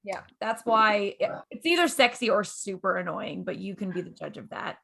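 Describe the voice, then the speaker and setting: A woman co-hosting a podcast in casual chat, her voice hoarse and gravelly, laughing often. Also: medium pitch, lively intonation, moderate pace, fairly bright tone. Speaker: podcast co-host.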